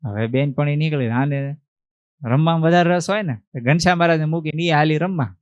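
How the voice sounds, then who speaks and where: Man, monk's devotional storytelling, animated, dull dry recording. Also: fairly high pitch, brisk, no echo. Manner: animated, acts out voices, asks the listeners questions. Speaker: monk giving a religious discourse.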